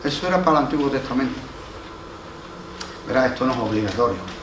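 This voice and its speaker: Captured from a distance in a roomy church hall with faint noise, a man with an Andalusian accent delivers a sermon. He has a mid-range voice and speaks quickly and expressively, telling a story, performing the quoted voices, and repeating his main points for emphasis.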